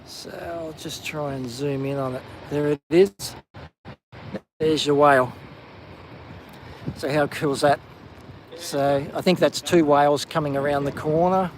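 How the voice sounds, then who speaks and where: A man casually hosting a live walking stream on a coastal clifftop, chatty with plenty of ums and excited whenever he spots something. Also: a little high, unhurried, long pauses, slight background noise, rough recording. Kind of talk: live walking vlog commentary. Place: outdoors on a coastal clifftop walk.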